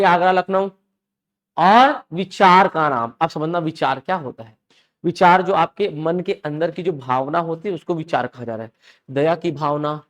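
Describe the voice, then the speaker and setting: A male teacher with a fairly high voice lectures a live class in Hindi sprinkled with English terms. He keeps drilling the students with questions and repeats key phrases over and over. He checks constantly that everyone follows along. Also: a bit bright.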